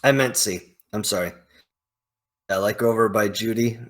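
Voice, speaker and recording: This host ranks game characters in a video, speaking at normal speed in a fairly low, slightly bright voice. His commentary is casual and opinionated, delivered by thinking aloud with emphatic, hyperbolic slang.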